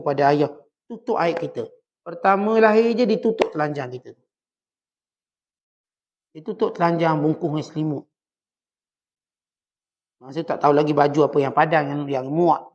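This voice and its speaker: A man's voice: on the high side, normal speed, long pauses. A man with a Malaysian Malay accent teaching a religious class. He asks rhetorical questions, answers them himself and hammers home short one-word refrains. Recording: dull lo-fi recording.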